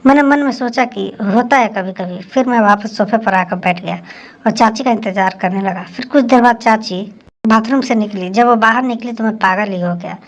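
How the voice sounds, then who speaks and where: Woman narrator for a spoken story, even and steady. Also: fairly high pitch, moderate pace. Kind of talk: scripted first-person story narration.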